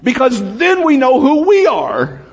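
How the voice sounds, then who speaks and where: A man preaching a sermon as pastor, calling out to his congregation, swinging between shouts and low, quiet lines. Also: unhurried, husky. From United States. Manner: lively preaching, calls out to the congregation, rises to shouts and drops low.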